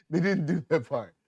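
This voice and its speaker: A man with a slightly high voice talks in a loose, animated way, laughing often and slipping into quick impressions of characters. The sound is dry and close, with no room around it. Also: gravelly, husky, no room sound, muffled recording. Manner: animated, laughing, acts out quotes. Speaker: podcast host. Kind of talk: casual chat reviewing a TV episode.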